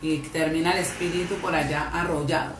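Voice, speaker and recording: A woman's voice: sits low, fairly even intonation, a little fast, distant mic, slight background noise. A woman with a Colombian accent preaching a fervent sermon to a congregation, with emphatic rises in her voice. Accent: Colombian Spanish. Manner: emphatic, rising to loud fervent peaks. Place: church hall. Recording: echoey hall, voice from off-mic.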